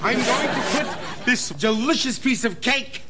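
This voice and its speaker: Hammy high-pitched old stage magician. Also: male voice, animated, measured pace, loud music behind the voice, a loud crowd. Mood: showy. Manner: theatrical showman, hammy patter. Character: bumbling, eager old stage magician cousin. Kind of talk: sitcom acting. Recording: noisy studio audience ambience.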